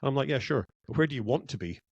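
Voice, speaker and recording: A man's voice: medium pitch, expressive, rapid-fire, creaky, a little mellow, slightly rough, dry recording, highs cut off. A man from Scotland, a guest in a podcast interview, talking reflectively and repeating words as he thinks. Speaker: guest, culture consultant.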